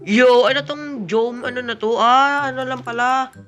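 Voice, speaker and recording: Woman gamer hyping up her gameplay, kinda high voice, switches tagalog and english, soft game music behind. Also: measured pace. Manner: excitable, mixes Tagalog and English, frequent "yo" exclamations. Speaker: gaming channel host. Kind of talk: excited gameplay commentary.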